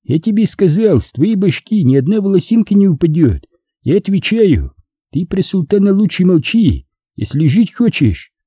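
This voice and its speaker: A brash enemy commander , put on by a male narrator, yells his demands in a raised, lively voice full of swagger. The sound stays dark and husky underneath, recorded close and dry with no room around it. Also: normal speed, dry recording, heavily acted. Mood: persuading. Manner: shouting, raised pitch. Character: cheerful cocky male enemy commander, bossy.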